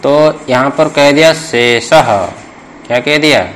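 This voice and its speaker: Slow-paced man teaching Sanskrit grammar. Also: on the high side, steady tone, a bit bright, slight background noise, low-quality recording. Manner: slow, repetitive, quizzing students for answers. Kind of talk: traditional classroom lesson with call-and-response.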